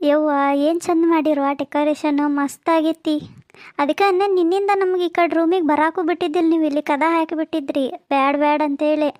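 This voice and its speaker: A woman's voice: high-pitched, fairly even intonation, fairly quick, darkish tone, no room sound, clean studio sound. A woman with a North Karnataka accent voicing chatty, homely village family talk for a cartoon comedy. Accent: North Karnataka Kannada. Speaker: cartoon voice artist.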